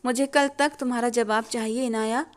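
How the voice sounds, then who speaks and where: A woman voicing an aging, wealthy matriarch who speaks in a slow, measured, persuasive way. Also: on the high side, steady tone, close to an everyday voice.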